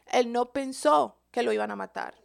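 High, gravelly-voiced woman preacher. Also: moderate pace. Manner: asks the listeners questions. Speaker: Bible teacher. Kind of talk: sermon.

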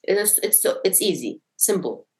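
A woman's voice: medium pitch, very animated, moderate pace, a little mellow. A young woman from Syria, a podcast guest, talking reflectively and searching for words with frequent restarts. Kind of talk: casual conversation.

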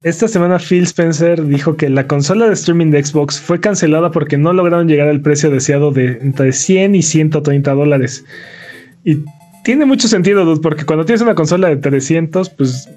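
A man, co-hosting a casual gaming podcast and reading out news items in a relaxed way. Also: on the high side, moderate pace, soft background music. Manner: relaxed, says dude a lot.

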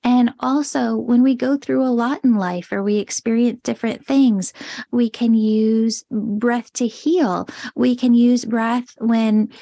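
A woman's voice: a little high, steady tone, slow pace, vocal fry, dark tone, no echo. A woman hosting a podcast interview, asking questions with eager enthusiasm. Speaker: podcast host.

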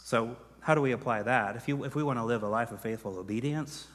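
A man preaching a sermon as pastor, earnest, building to emphatic peaks and then dropping quiet. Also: medium pitch, fast talker, long reverb tail.

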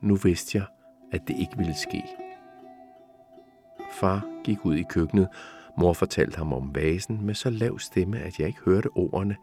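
Deep-voiced man reading literature aloud. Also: long pauses, dark tone, faint music behind. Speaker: reader.

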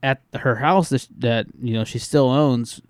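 A man's voice: mid-range voice, unhurried, clean tone, no echo, clean studio sound. A man, a podcast co-host, chatting casually in loose, profane run-on sentences that trail off. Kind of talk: casual chat.

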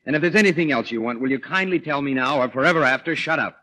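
A man's voice: medium pitch, fast talker, pushed and bright, a little hiss or hum, lightly acted. An actor playing a wry, sarcastic, exasperated man with dry, clipped delivery in an old Hollywood comedy style. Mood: exasperated, sardonic.

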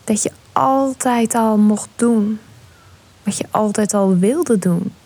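A woman guides a meditation slowly and without hurry, her mid-range voice mellow and breathy, often sinking to a hushed whisper. The recording is dry.

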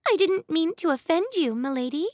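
A woman's voice: sits high, lively intonation, a little slow, no echo, studio quality, pitched above the performer's own voice. A woman voicing a timid, eager young lady's maid who speaks meekly and politely. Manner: meek, polite, cautious.

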